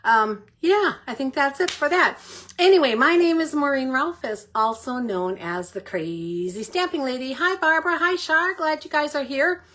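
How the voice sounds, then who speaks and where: A woman's voice: high-pitched, moderate pace, fairly bright tone. Breathless older woman chatting. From Middle Tennessee, United States. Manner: chatty, greets viewers by name. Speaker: paper crafting livestream host. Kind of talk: casual livestream chat.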